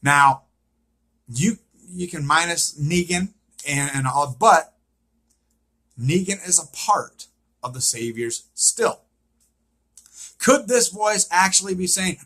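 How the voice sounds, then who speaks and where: Slow and expressive, with long pauses, this man's forceful, slightly high, husky-edged voice carries his casual fan commentary. He hammers his points repetitively and keeps posing rhetorical questions as he recaps.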